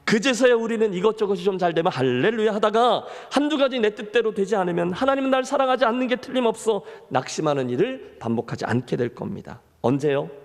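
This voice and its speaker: Man, pastor, sermon, high-pitched, long hall reverb. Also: vocal fry. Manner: preaching with questions to the congregation.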